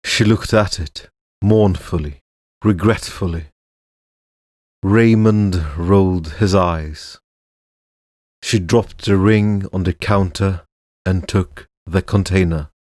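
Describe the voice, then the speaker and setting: Deep, slow male storyteller. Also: darkish tone, no room sound, studio quality. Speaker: narrator and voice actor. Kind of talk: storybook narration of a fantasy tale.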